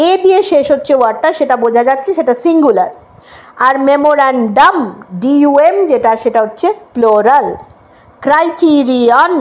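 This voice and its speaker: A woman teaching an English lesson, spelling words out letter by letter and often checking that students follow. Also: high voice. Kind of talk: Bengali-language English lesson.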